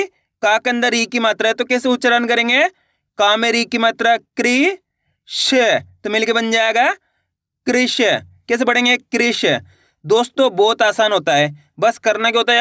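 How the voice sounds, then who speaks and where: High bright-voiced male reading teacher. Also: no room sound, clean studio sound. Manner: slow, drawn-out syllable drilling, repeating questions. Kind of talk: online reading lesson.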